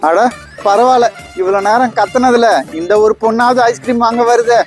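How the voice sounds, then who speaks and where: Brief: cartoon ice cream uncle voiced by a woman, loud hawker, stingy, fairly high voice. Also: steady tone, normal speed, faint music behind, close to an everyday voice. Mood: hawking. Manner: loud hawking calls. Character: pushy stingy male ice cream vendor.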